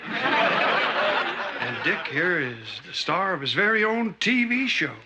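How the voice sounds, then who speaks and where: A man's voice: sits high, very animated, pushed and bright, heavily acted. An actor playing a genial, simple-hearted handyman uncle in a 1980s sitcom, folksy and earnest. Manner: folksy, earnest, slow-spoken. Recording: noisy old TV sitcom audio.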